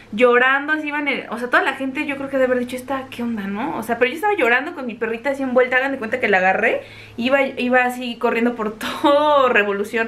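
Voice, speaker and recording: A young woman with a Mexican accent telling a personal story in a chatty, animated way. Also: fairly high pitch. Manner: chatty, animated, acts out quoted voices. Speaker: vlogger. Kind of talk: casual storytelling.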